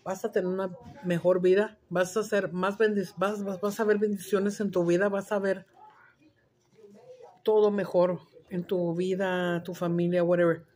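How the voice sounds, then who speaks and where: Fairly low in pitch, measured in pace, and with little pitch movement, this woman is a crude, brash mukbang cooking vlogger. She chats casually as she cooks and eats, speaking loudly and crudely, swearing freely, and moving back and forth between English and Spanish.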